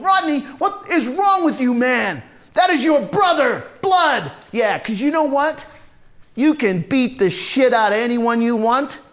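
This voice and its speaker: Speaking high-pitched, a man voices a foul-mouthed, hard-drinking, volatile Marine raised in a rough neighborhood. His first-person monologue unfolds as conversational storytelling, agitated and angry, raw and profane, stopping and starting until it erupts in rage.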